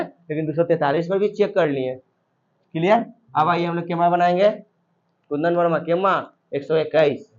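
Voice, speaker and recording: A man's voice: a little high, darkish tone. A man teaching a math class, repeating steps and quizzing his students. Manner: repetitive, quizzing students, drilling answers. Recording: dull lo-fi recording.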